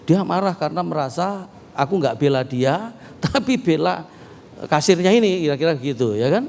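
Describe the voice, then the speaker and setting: A middle-aged man preaching a sermon, telling stories with humor and swinging from quiet talk to loud, emphatic preaching. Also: fairly high pitch, animated, moderate pace, vocal fry, slight background noise. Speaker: pastor. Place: church hall. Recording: reverberant hall with faint ambience.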